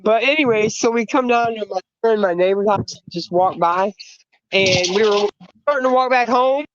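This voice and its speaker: A woman's voice: a little high, normal speed. A woman talking loosely and informally over a cell phone while walking outdoors, her call breaking up and cutting in and out. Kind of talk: casual livestream chat. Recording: muffled phone line breaking up.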